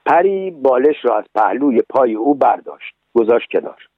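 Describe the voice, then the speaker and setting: A man narrates a storybook in a steady, measured voice of average pitch. The sound is tinny and phone-like, with no room echo, like an old radio broadcast. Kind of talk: storybook reading.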